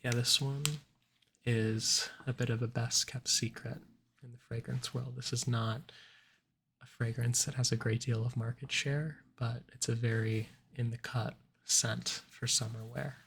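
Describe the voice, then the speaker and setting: A man in an ASMR role-play as a cologne salesman, giving measured, explanatory sales patter. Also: medium pitch, level tone, creaky, fairly bright tone, a little hiss or hum.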